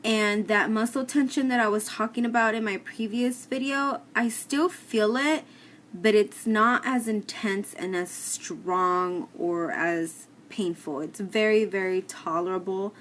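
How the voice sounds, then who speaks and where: A woman's voice: medium pitch, measured pace, fairly bright tone. A woman giving a casual personal update to camera, explaining things plainly with some hesitation. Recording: clear background noise, room ambience.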